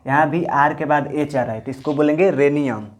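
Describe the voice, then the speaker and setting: A man teaching English pronunciation in Hindi, explaining rules with patient repetition and slowly spelling out words letter by letter. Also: a little high.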